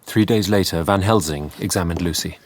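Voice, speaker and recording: An actor playing a sombre Victorian doctor who narrates a radio drama in a measured, confiding way. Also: male voice, low-pitched, noisy background, lightly acted.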